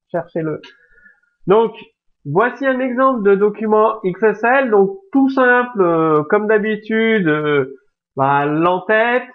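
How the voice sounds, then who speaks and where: High-voiced man with a tinny sound. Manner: casual explaining with filler words and restarts. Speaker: programming tutorial host. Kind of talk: screen-recorded coding lesson.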